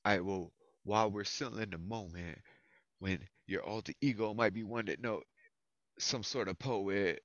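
This American man in his thirties, from Florida, hosts an open mic over a video call from indoors at his computer, chatting casually and effusively with lots of slang and swearing. His voice sits lowish and moves at a moderate pace, with no room sound. The headset audio comes through dull and lo-fi.

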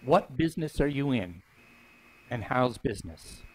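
An older minister stands at the front of a church sanctuary holding a book, reading scripture aloud and preaching conversationally through a headset mic. He reads expressively and unhurriedly, lifting his pitch to voice quoted lines. The recording is rough.

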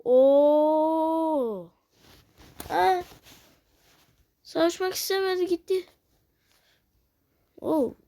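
A woman giving casual let's-play commentary, cursing, teasing and reacting loudly to the game. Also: sits high, vocal fry. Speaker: gamer playing a video game.

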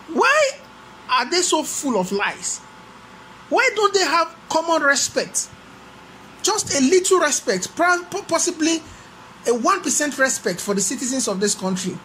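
Woman news presenter from Nigeria, lively pitch, faint hiss; reads stories, then rants. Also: rough recording. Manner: indignant, rising rhetorical questions in commentary. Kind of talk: news reading then opinion commentary.

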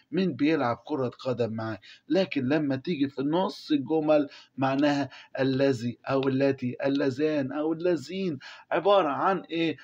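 A man's voice: medium pitch, darkish tone, lo-fi sound. A man with an Egyptian Arabic accent teaching English, repeating each word and quizzing his listeners. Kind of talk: classroom explanation.

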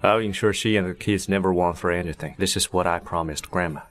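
An actor playing a reserved young company boss who speaks in a calm, clipped, commanding way. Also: male voice, deep voice, quick pace, slight background noise. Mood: cool. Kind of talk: dubbed short drama acting.

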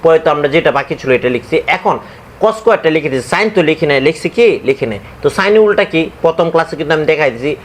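Slow, repetitive young math tutor. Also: male voice, on the high side, animated. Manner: repeats questions and answers them himself; slow and deliberate, drawn-out formulas. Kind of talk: casual classroom explanation. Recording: faint background noise.

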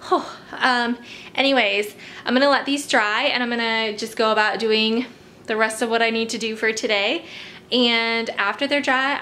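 A woman's voice: fairly high pitch, bright, forceful tone, a little hiss or hum. A young woman talking through a home cleaning demo, chatty and casual with lots of ums and likes. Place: home living room.

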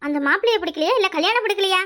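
In this cartoon voice acting, a woman plays a scheming, bossy village mother who squeals her scolding in a very high, piercing tone. Her Kanyakumari Tamil accent carries a rapid, nagging rhythm, shrill and fast, rising to yells.

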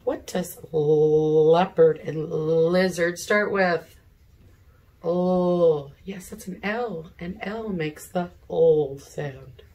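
This middle-aged woman has a warm, fairly low-pitched voice. An elementary school teacher, she leads young kids through a read-aloud from an armchair at home in the living room, pacing herself carefully, sounding out words and asking them questions.

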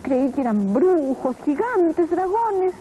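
A woman's voice: high voice, very animated, slow, slight background noise, voice pushed up, exaggerated voice. A woman voicing a timid, jumpy little old woman in a storybook tale, shrieking in fright. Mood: amazed. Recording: lo-fi old TV tape audio.

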